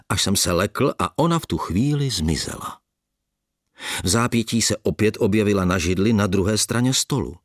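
A man with a low voice reads a story aloud in an expressive, lively storytelling manner. His delivery rises and falls a lot, recorded dry and close with no room echo. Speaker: audiobook narrator. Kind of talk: audiobook reading.

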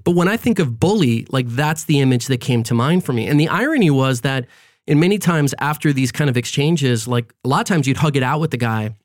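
A man's voice: mid-range voice, expressive, fairly quick, no echo, clean studio sound. A man in his forties, raised in Florida, talking reflectively in a casual podcast conversation, often checking in with "right?" and "you know". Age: 40s.

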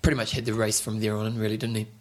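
A man's voice: lowish voice, flat delivery, very fast. A man with a broad New Zealand accent hosting a podcast in casual, teasing banter full of slang. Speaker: podcast host.

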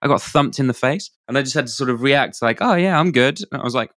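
A man's voice: medium pitch, steady tone, quick pace, a bit bright, dry recording, studio quality. A man in his thirties co-hosting a casual rewatch podcast, joking and self-mocking. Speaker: podcast co-host, actor.

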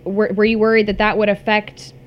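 A woman's voice: medium pitch, level tone, a little fast, highs cut off. A woman hosting a casual interview, asking questions informally and chipping in with agreement. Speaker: interviewer, host.

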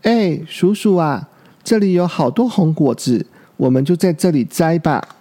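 A man's voice: a little high, lively intonation, measured pace, mellow. A man voicing a frightened, stubborn little boy dinosaur in a children's storybook reading, talking in a pleading, insistent way. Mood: cheerful.

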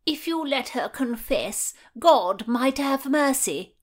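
A woman's voice: high-pitched, lively intonation, takes it slowly, voice pushed up, heavily acted. A woman playing a prim, preachy Tudor lady. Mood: pious, reproachful. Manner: weary, preachy, lip-pursing. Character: sanctimonious pious Tudor noblewoman, prim and zealous. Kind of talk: audiobook reading.

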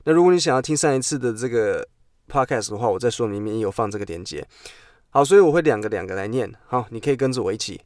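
A man teaching English pronunciation on a podcast, playful and repeating words slowly for drilling. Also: mid-range voice, animated, a little mellow, no room sound, studio quality. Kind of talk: podcast lesson. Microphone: podcast mic.

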